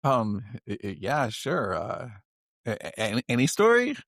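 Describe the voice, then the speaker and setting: A man's voice: mid-range voice, wildly swooping pitch, measured pace, fairly bright tone, dry recording, studio quality. A man in his forties, a writer and podcast guest, telling a story in a loose, self-deprecating, chatty way. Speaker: guest, science fiction writer. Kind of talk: casual storytelling in conversation.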